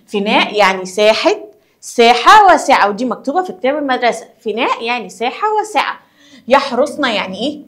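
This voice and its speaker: A woman's voice: a little high, fairly bright tone. A woman with an Egyptian accent explaining a school lesson to young children, asking questions and answering them herself. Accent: Egyptian Arabic. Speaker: primary school teacher.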